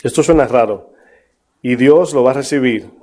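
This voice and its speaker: A man's voice: medium pitch, moderate pace, dark tone. A man preaching a sermon as pastor, emphatic, with rhetorical questions to his congregation. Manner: mocks false prophets in a put-on voice.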